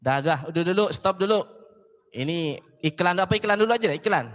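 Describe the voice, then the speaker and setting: High, bright-voiced preacher man in a hall. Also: expressive, a little fast. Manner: joking, chatty, addresses audience directly. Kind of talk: casual sermon to women's gathering. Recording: long hall reverb.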